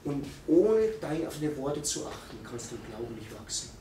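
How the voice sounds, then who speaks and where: A man preaches with emphatic repetition, his voice at an ordinary pitch. His sermon is picked up from a distance in an echoey church hall, with a faint hiss behind it. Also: very animated, normal speed. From Austria. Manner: emphatic, repetitive preaching with sudden loud bursts. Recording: echoey hall, mic from far off.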